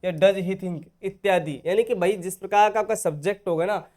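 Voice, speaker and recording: A man's voice: sits high, moderate pace, darkish tone. A man teaching an online spoken-English lesson, explaining step by step and often checking in with his dear students. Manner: addresses viewers as dear students.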